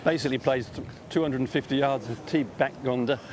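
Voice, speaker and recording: A man's voice: medium pitch, fairly quick, crowd noise. A man reporting from the golf course, explaining a hole in a folksy, chatty way. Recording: outdoor broadcast with steady background noise.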